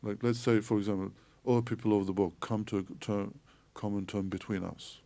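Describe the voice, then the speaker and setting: Podcast guest: man from Turkey, theologian, gravelly mellow voice, measured explainer. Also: on the low side, fairly even intonation. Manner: measured, explanatory, frequent hesitations. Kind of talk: podcast interview.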